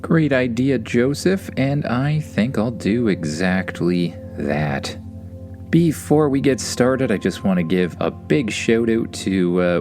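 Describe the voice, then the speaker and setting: Low-pitched man hosting a story podcast. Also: a little mellow. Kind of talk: podcast introduction and story narration.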